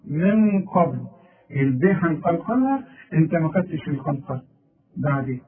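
An Egyptian man teaching Quran recitation rules one-on-one, patiently correcting a student and reciting verses slowly himself. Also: a little high. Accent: Egyptian Arabic. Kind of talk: one-on-one tajweed lesson. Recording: tinny phone line, distant voice.

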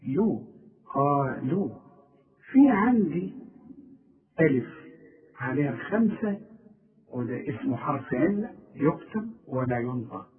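A man with an Egyptian Arabic accent teaching Quran recitation one-on-one. He corrects pronunciation and stretches words out slowly to demonstrate them. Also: on the high side, big pitch swings. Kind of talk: one-on-one tajweed lesson. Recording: tinny phone-like line, far from mic.

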